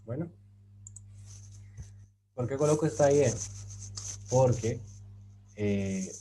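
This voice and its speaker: A man teaching a grammar lesson, patient and explanatory, often checking in with his listeners and pausing on fillers as he writes. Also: fairly low pitch, dark tone, low-quality recording. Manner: patient, rhetorical questions, many fillers. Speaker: language teacher. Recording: faint background noise.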